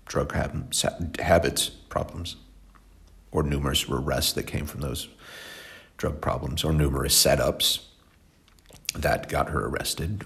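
A man's voice: extremely low pitch, gravelly, a bit bright. A man in his forties hosting a music show, rambling and talkative, a bit stuffed up and tired. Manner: rambling, talkative, self-deprecating. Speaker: radio show host. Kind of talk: casual chatty show talk.

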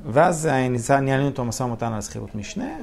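A man with a gravelly, fry-laden voice tells stories as a guest on a real estate interview. He talks animatedly, laughing as he goes and acting out both sides of the conversations he describes. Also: mid-range voice, lively intonation, a little mellow. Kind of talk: casual storytelling interview.

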